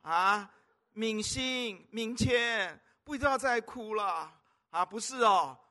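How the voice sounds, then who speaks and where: Animated, bright-voiced male pastor. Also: high voice, slow. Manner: animated, exclaiming, storytelling. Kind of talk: sermon.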